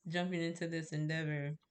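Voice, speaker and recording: A deep-voiced woman, congested and nasal with a cold, talks casually to the camera about making candles. Her chat meanders, dotted with fillers and little laughs.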